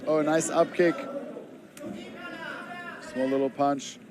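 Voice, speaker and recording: A man with a fairly high voice co-commentates a live fight as the analyst. He talks informally and breaks down technique in halting phrases, with an audible crowd behind him. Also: fairly even intonation, background noise. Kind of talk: live colour commentary, conversational. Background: arena crowd.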